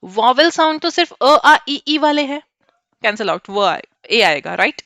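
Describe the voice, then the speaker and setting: A woman's voice: fairly high pitch, very animated, measured pace, fairly bright tone, no room sound, clean studio sound. A woman teacher with an Indian accent, quizzing students by name as she mixes Hindi and English in a lesson. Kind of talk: online class lesson.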